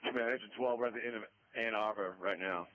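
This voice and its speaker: A man's voice: on the low side, steady tone, fast, dry recording. A man working on a fire engine crew, talking in radio traffic over a two-way radio. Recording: muffled lo-fi radio transmission.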